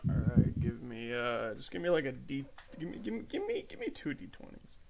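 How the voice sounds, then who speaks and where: A man's voice: medium pitch, huge pitch swings, gravelly, crowd noise. A man running a tabletop game as game master, talking casually and swearing now and then. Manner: quick, loose, swears casually.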